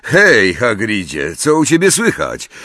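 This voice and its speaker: Brief: male narrator doing an upbeat young dragon keeper, bright and quick. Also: lowish voice, huge pitch swings, no echo, clean studio sound, voice pushed up, exaggerated voice. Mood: cheerful.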